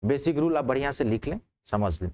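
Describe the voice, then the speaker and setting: Lively male grammar teacher. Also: fairly quick. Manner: lively, rising on questions and dropping low on answers; asks students checking questions. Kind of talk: classroom grammar lesson.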